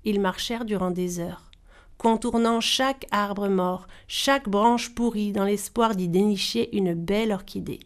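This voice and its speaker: A woman storyteller reading a folktale aloud in a measured, expressive style. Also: medium pitch. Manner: measured, animated voices for characters.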